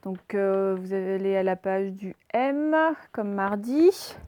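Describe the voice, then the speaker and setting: A woman's voice: medium pitch, expressive, takes it slowly, mellow, slight background noise. A woman primary school teacher giving a remote lesson to young children, patiently spelling out letters and explaining each step as she writes. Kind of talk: remote class lesson, dictating and writing.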